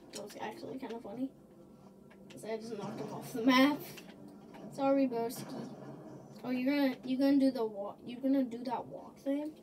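A woman's voice: high-pitched, steady tone, normal speed, pauses often. A woman giving rambling, silly commentary while playing a video game. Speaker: gaming video creator. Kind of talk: gameplay commentary. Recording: noisy background.

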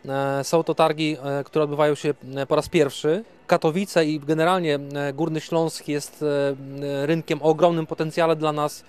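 A man's voice: fairly high pitch, flat delivery, moderate pace, few pauses, a little mellow, clean tone. A man in his thirties speaking as a company representative in an outdoor trade fair interview, hesitant with many fillers and restarts, into a handheld mic. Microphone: handheld reporter mic.

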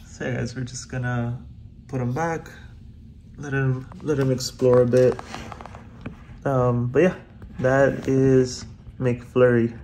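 A man's voice: mid-range voice, little pitch movement, slow, long pauses, warm tone, echoey room, slight background noise. A young man in his twenties vlogging about his reptiles at home, eager and full of fillers and repeated words. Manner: enthusiastic, many fillers and repeats. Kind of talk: casual vlog. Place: room at home with reptile tanks.

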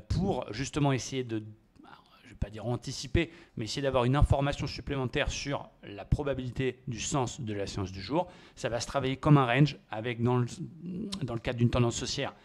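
A man's voice: mid-range voice, darkish tone. A man giving a screen-share trading tutorial, talking enthusiastically, with emphatic repetition and frequent fillers. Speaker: trading educator.

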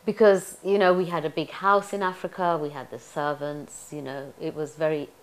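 A woman's voice: low voice, level tone, moderate pace. A middle-aged woman from Tanzania, an actress, reminiscing in an oral history interview, chatty and reflective with frequent laughs.

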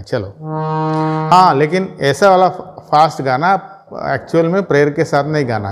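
A man's voice: fairly high pitch, a little hiss or hum. A man teaching a school prayer song to young children, patiently checking in with them again and again. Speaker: music teacher. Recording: loud backing music.

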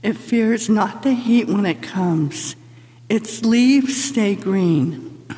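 A lector reads scripture at a lectern in a large church sanctuary, her medium-pitched, mellow, soft-edged voice animated yet slow, solemn, and measured. A far camera catches the lectern mic, with long reverb lingering after each phrase.

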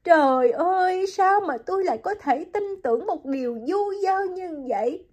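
A woman's voice: big pitch swings, a little slow, darkish tone. A woman voicing a heartbroken young mother in an audiobook, speaking in a choked, pleading way. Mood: distraught. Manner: choked, pleading and high-pitched.

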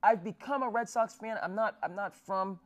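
A New Jersey man in his thirties hosts a sports talk show from a small studio with a dark backdrop. His voice is high-pitched and a bit bright, moving at a moderate pace. He phrases things formally but keeps slipping in fillers and restarting.

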